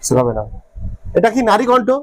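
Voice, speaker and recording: A man's voice: high-pitched, very animated, fairly quick, fairly bright tone, no room sound. A man teaching a physics class, repeating his questions to the students and checking often that they follow. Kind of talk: classroom lecture.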